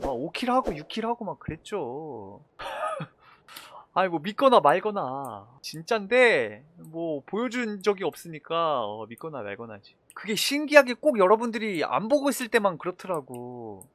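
A man streaming a battle game, chatting casually with viewers in a playful, boastful, teasing way and breaking into sudden shouts. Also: fairly high pitch, wildly swooping pitch, a little slow, dry recording. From Korea. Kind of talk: casual gameplay commentary.

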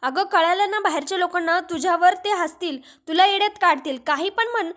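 A woman's voice: very high-pitched, a little fast, fairly bright tone. A woman reading the lines of a teasing, disbelieving young village man in a storybook retelling. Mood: mocking. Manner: mocking, laughing it off.

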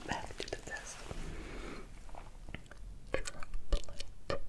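Soft whispering woman, slow and intimate. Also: a little high. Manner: whispering close to the ear, slow single words. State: voice still rough after flu. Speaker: ASMR creator. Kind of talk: ASMR hearing test roleplay.

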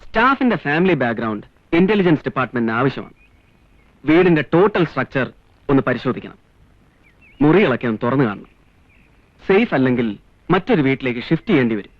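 An actor playing a firm, commanding security squad officer in a film scene. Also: male voice, mid-range voice, big pitch swings, quick pace, pauses often, dry recording, natural voice. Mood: stern. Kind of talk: 1990s film dialogue. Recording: dull lo-fi film soundtrack with faint score.

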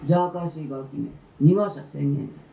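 A woman voicing a fierce old ogress who snarls threats in a low, gruff voice, recorded in a roomy live hall. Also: very fast, mellow, a little hiss or hum. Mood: growling.

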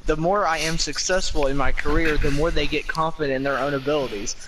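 A man's voice: a little high, steady tone, quick pace, background noise, close to an everyday voice. Man hamming up a melodramatic, pleading bunny heroine. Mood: earnest, indignant. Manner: hammy, overwrought stage acting. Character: pleading, melodramatic, career-driven young female bunny. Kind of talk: dramatic reading of a comic.

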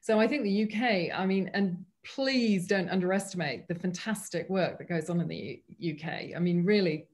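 A woman's voice: on the low side, normal speed, few pauses, darkish tone. A woman speaking earnestly as a panelist in a medical webinar over a video call. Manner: thoughtful, earnest, frequent restarts.

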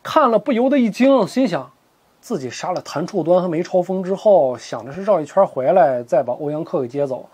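A man narrating a martial-arts story in a lively, colloquial, joking way. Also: high-pitched, brisk, slightly rough.

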